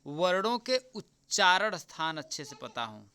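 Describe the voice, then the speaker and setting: A man teaching as an exam tutor, going through a paper answer by answer, repeating the key answers slowly and often checking with "right?". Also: fairly high pitch, very animated, sharp tone, clean tone. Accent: Hindi. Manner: repeats answers slowly, keeps asking "ठीक?"; addresses viewers as friends.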